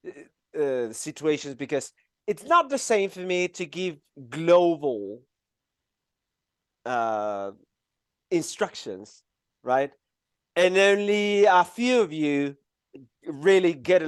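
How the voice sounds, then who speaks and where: This Mexican man, a native Spanish speaker, runs a live online animation lesson in a talkative style, laughing and using lots of filler words. His accented voice sits on the higher side and sounds smooth. The studio audio is clean with no echo.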